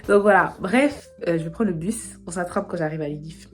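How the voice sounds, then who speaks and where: A woman's voice: lowish voice, fairly quick, loud music behind the voice. A young woman from Belgium in casual vlog chat, talking straight to her viewers. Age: young adult. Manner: chatty, talks straight to viewers. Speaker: vlogger.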